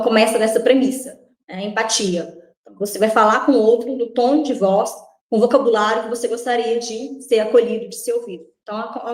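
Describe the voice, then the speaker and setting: A woman's voice: on the high side, darkish tone, reverberant, rough recording. A woman from Brazil, a corporate trainer, explaining her ideas in list-like phrases often closed with "né". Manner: measured, list-like explanations, frequent "né". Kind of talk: interview answers.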